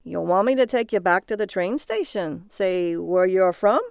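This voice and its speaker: A man's voice: high voice, moderate pace, creaky, clean tone, dry recording, clean studio sound. A woman voicing a chatty, folksy middle-aged male cab driver who talks boisterously. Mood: pushy. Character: gruff cheerful male cabbie, middle-aged.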